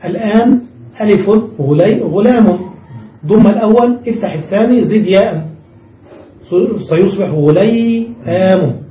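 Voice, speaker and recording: Male teacher, high voice, slow example drills; far from the mic in an echoey room. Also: lo-fi sound, slight background noise. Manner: explains step by step, reads from a text and repeats examples slowly. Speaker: Arabic grammar teacher. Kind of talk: classroom grammar lesson.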